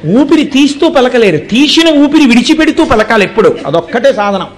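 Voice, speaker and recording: High-voiced man giving a sermon. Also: expressive, a little fast, slight background noise. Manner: explains through rhetorical questions and recited verses. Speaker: religious discourse speaker. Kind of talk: devotional sermon.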